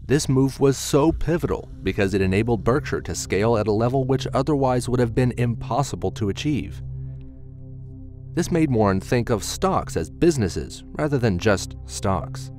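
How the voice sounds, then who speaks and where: A man giving measured, scripted documentary narration. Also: mid-range voice, expressive, a little mellow. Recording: narration over clear background music.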